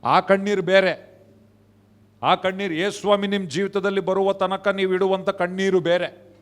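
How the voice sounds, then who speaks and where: High-voiced man preaching. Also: flat delivery. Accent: Kannada. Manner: preaching with loud hallelujah shouts and quick asides. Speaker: pastor. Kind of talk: sermon. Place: church.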